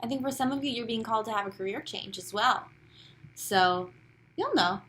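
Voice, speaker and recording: A young woman gives a casual tarot reading in a bright, forward voice. She talks in an upbeat, chatty way and now and then sinks to a soft near-whisper. A faint hiss of room noise sits under her. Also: a little high, moderate pace. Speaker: tarot card reader.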